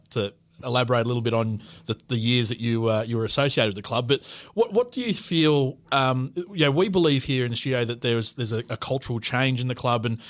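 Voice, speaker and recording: A man's voice: mid-range voice, a bit bright. A man with an Australian accent chatting and asking questions casually as a panellist on a sports show.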